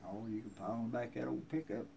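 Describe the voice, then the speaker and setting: Recorded by a handheld phone a few feet away, with outdoor noise around, this man in his seventies shares family history on a covered wooden porch. He has a rural American accent and a folksy, plainspoken, casual manner. His mid-range voice is steady, fast, creaky and dark.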